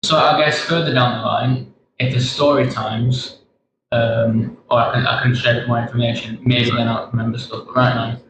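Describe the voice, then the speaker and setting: A man's voice: mid-range voice, flat delivery, moderate pace, very echoey, noisy background. A young man co-hosting a podcast, speaking hesitantly and thinking aloud in casual chat. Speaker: podcast co-host.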